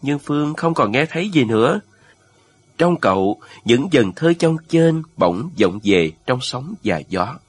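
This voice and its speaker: Male story narrator, husky and lively in pitch, dry close sound. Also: a little slow, no echo. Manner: expressive, emotional reading. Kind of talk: storybook reading.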